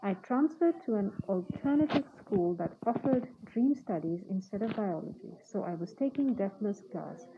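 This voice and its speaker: A woman's voice: mid-range voice, expressive, normal speed, few pauses. A woman podcast host speaking through a face mask, in plain spoken talk and reading aloud. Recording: phone-like narrow band, faint background noise.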